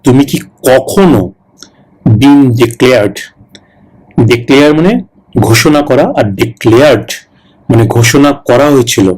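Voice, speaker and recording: A man, tutoring for a citizenship test, slowly repeating English words and then explaining them quickly. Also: mid-range voice, darkish tone, poor audio.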